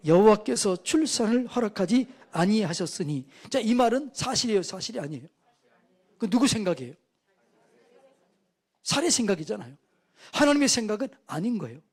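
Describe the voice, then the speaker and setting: A man's voice: sits high, a little mellow, husky. A man preaching at a church revival meeting, asking the congregation questions and answering them himself. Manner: call-and-response preaching, asks the congregation questions. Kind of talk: sermon.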